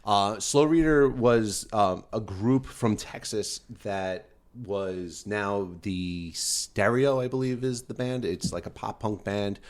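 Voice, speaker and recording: A man in his thirties with a very low, deep voice co-hosts a casual podcast chat. He tells his stories eagerly and at length. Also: slow pace. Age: 30s. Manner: enthusiastic storyteller. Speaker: podcast co-host.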